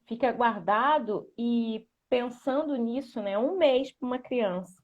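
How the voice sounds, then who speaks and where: High-voiced woman, muffled. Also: measured pace. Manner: animated, lots of "né". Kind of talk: conversational explanation and storytelling.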